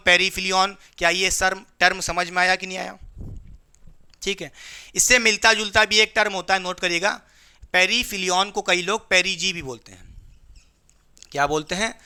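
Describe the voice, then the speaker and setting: A man's voice: sits high, sharp tone, clear, resonant tone. A male physics teacher giving a classroom lecture, asking his students questions and answering them himself in a playful call-and-response way.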